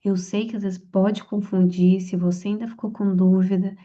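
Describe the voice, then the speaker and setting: A woman explaining grammar for a civil-service exam in a relaxed, chatty lesson, often checking in with her listener. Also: mid-range voice, normal speed. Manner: conversational, frequent "tá?" and "então". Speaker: exam prep tutor. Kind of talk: casual spoken lesson. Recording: slightly dull lo-fi audio.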